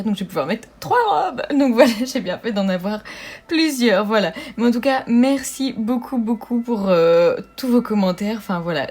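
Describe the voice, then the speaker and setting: A woman budgeting vlogger chatting casually to her viewers, bubbly and talkative, often laughing and filling pauses. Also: medium pitch, darkish tone.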